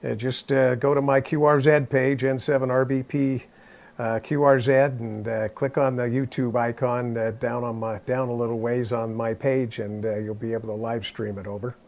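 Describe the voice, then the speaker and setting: A man's voice: medium pitch, little pitch movement, moderate pace, vocal fry, a little mellow. A man working as an amateur radio operator, calling and chatting in military radio style with procedural phrasing. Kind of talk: casual ham radio net exchange. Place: at his radio station.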